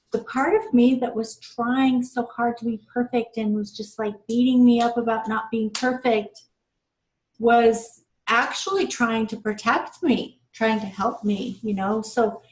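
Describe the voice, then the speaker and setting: Woman talking slow and soft about personal growth, lots of ums and pauses, easygoing chat. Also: a little high, rough recording. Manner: soft, reflective, full of fillers and pauses. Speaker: co-host. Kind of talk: casual conversation on self-growth.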